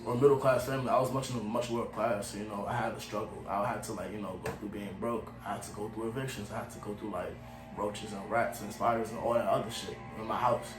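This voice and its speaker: A man in his twenties, originally from Cameroon and raised in Maryland, chats casually as a guest singer in an interview. His lowish, fairly even voice moves quickly, laid-back and slangy, often trailing off softly. The room echoes and faint music plays behind him.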